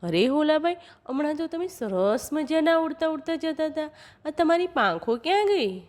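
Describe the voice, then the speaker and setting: A woman voicing surprised animals and villagers in a children's story, exclaiming high questions. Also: very animated, normal speed, a little mellow.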